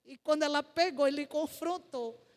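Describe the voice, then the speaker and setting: A woman preaches her testimony in a church hall, her Northeastern Brazilian accent carrying through the long reverb. Speaking at a moderate pace in a high voice, she recounts her story vividly and performs the voices of the people she quotes.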